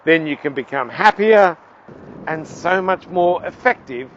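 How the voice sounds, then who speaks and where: A man presents to camera outdoors with a lively, swooping, fairly high voice and a playful touch, now and then pausing on fillers. The sound is a little dull, with faint traffic and street noise behind him. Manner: lively, playful delivery with some hesitant fillers. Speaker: presenter, communications trainer. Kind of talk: piece to camera. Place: outdoors at a seaside town.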